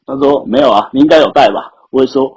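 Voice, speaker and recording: A young adult man with a Taiwanese accent talks fast in a mid-range, darkish voice as a guest on a podcast. He tells casual anecdotes, often chuckling, and the amateur recording sounds rough.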